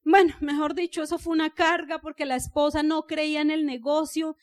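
A woman with a Colombian accent giving a motivational business seminar talk, telling an animated personal story and asking the audience to agree with her. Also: high voice, brisk.

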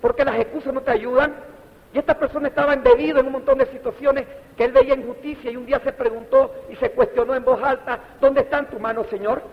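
A man's voice: extremely high pitch, steady tone, fast talker. A middle-aged man, giving a motivational speech and putting rhetorical questions straight to the audience. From Panama. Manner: preachy, addresses the audience directly with rhetorical questions. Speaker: motivational speaker. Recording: dull, echoey hall recording.

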